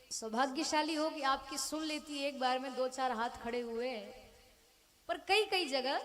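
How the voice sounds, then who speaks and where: A woman's voice: high-pitched, fairly bright tone. A woman telling a devotional story to a live audience, joking with listeners and acting out quoted lines in a raised voice. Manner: addresses audience directly, jokes and asks for raised hands. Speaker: religious storyteller.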